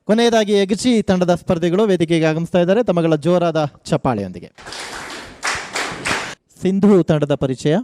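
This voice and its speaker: A man hosting a college quiz show on the radio, energetically urging contestants and reading questions slowly and with emphasis. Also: high-pitched, lively intonation, mellow, a little hiss or hum. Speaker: quizmaster.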